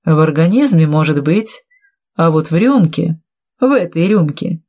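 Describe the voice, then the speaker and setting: A woman reading aloud, voicing a shrewd man who calmly exposes a poisoner, measured and cutting. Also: low voice. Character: calm shrewd male investigator exposing a poisoner.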